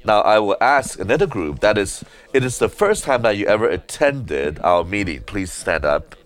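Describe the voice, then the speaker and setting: A man preaching at a conference in a meeting hall, halting often with filler sounds as he speaks. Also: on the low side, big pitch swings. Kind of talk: sermon.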